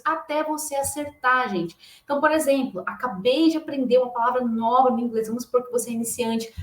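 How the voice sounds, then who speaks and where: A woman teacher with a Brazilian Portuguese accent delivers an online lesson, insistent and emphatic, forever tagging her points with a quick question to check the listener is following. Her voice sits a little high. The room around her gives a noticeable echo. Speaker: English teacher.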